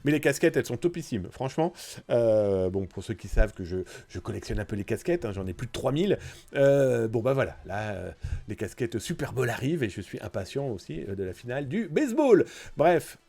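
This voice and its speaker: A man's voice: medium pitch, sing-song, a little fast, gravelly, dark tone. A man with a blocked, nasal nose, hosting a live news stream in a casual, chatty way, speaking straight to his viewers. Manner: chatty, informal, directly addressing viewers.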